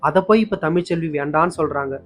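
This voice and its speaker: A man voicing a hurt young woman who pleads and pities herself, talking fast. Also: sits low, husky. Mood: pleading hurt. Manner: pleading, self-pitying. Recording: dull lo-fi with faint music.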